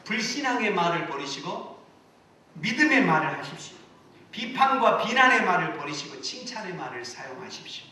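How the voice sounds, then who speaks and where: Korean pastor type, man, slightly high voice, earnest preaching, picked up from afar in a very echoey sanctuary. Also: sing-song, normal speed, sharp tone. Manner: earnest preaching, rising to emphatic exhortations. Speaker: senior pastor. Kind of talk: sermon. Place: church sanctuary. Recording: echoey church hall, mic at a distance.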